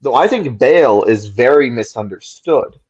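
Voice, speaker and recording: A man's voice: medium pitch, animated, a little slow, a little mellow, slightly rough, muffled recording. A man on a podcast talking through ideas at length in casual discussion, often checking in with "right?". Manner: thoughtful, explains at length with frequent "right?". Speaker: podcast co-host.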